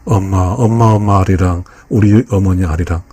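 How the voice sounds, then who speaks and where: A man's voice: deep voice, steady tone, moderate pace, mellow, no room sound. A man hosting a YouTube channel, giving a lecture-style analysis of song lyrics, emotional and repeating phrases over and over. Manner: polite addresses to viewers.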